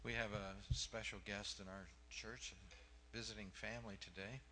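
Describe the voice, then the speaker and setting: A pastor makes an announcement to his congregation, pausing on hesitant fillers. His voice sits low with a bright, forward edge, and a faint hum fills the church behind him. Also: level tone, low-quality recording.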